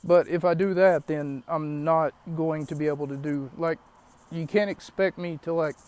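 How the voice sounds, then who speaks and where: A man's voice: on the high side, darkish tone, clear, resonant tone. A young man hosting a solo podcast from his parked car, rambling and shaken, catching his breath between fillers. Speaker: podcast host. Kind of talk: solo podcast, wrestling recap. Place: parked car in an empty lot.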